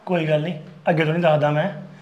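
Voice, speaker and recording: Young man playing a rapid placating son. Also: a little high, little pitch movement, lo-fi sound, close to an everyday voice. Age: young adult. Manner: placating, repeats reassurances. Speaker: actor. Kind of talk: family drama skit.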